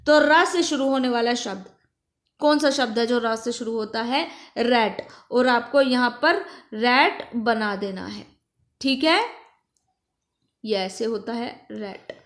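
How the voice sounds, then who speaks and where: High-voiced woman teaching phonics, echoey room. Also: fairly bright tone. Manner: asks questions and answers them herself, repeats words slowly. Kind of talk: primary school phonics lesson.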